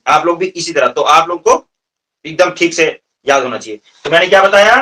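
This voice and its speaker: A man's voice: a little high, expressive, fairly quick, pushed and bright. A man in his thirties with a Hindi accent, teaching English vocabulary in a classroom, firing questions and repeating answers to his students. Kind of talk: classroom lecture. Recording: recorded from a distance.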